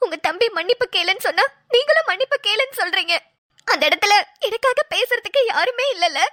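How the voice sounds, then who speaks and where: A woman's voice: very high-pitched, expressive, a little fast, pushed and bright, dry recording, clean studio sound, exaggerated voice. A woman voicing a young newlywed wife in a cartoon, pleading and tearful as she complains about her husband's family. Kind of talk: Tamil cartoon drama voice acting.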